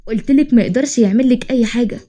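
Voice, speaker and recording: A woman's voice: on the high side, rapid-fire, mellow, natural voice. A woman doing a bragging, playful young Egyptian man. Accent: Egyptian Arabic. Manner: joking, bragging. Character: boastful playful young man, kind friend.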